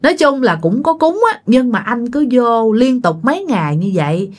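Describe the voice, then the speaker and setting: Woman, chatty ghost-story teller, animated intonation, fairly high voice. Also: normal speed. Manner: chatty, addresses listeners directly. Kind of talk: casual ghost-story telling.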